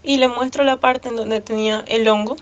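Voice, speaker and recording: A woman giving a personal religious testimony to her church, earnest and fervent, with halting restarts. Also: a little high, fairly even intonation, lo-fi sound.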